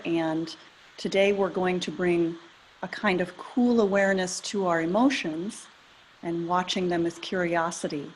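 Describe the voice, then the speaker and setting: A middle-aged woman leading a guided meditation, talking in a calm, gentle, measured way. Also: lowish voice, a little hiss or hum. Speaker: meditation leader.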